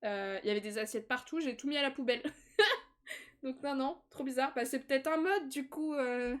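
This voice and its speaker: This young woman chats her way through a life-sim game on a live stream, casual and giggly, often erupting into excited squeals. She has a high voice and keeps a moderate pace.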